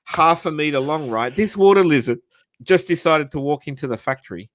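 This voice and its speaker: A man's voice: a little high, animated, fairly quick, fairly bright tone. A man hosting a casual chat, rambling with lots of fillers and restarts, swearing freely as he reads out facts. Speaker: podcast host.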